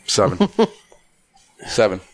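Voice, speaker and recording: A man on a cigar podcast panel, chatting casually and repeating himself as he tells a joke. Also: slow. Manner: rambling, repeats himself while telling a joke. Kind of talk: casual chat. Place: cigar lounge, second floor. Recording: noisy lounge recording.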